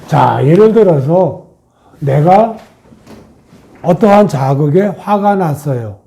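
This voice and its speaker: Mellow-voiced man teaching meditation. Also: high voice. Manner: asks questions and answers them himself. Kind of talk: meditation lecture.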